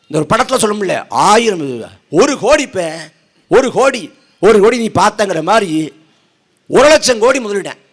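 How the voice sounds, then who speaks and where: A man's voice: sits high, lively intonation, moderate pace. A man giving a fiery political speech at an outdoor protest rally, sarcastic and mocking, firing off rhetorical questions. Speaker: party speaker at a protest rally.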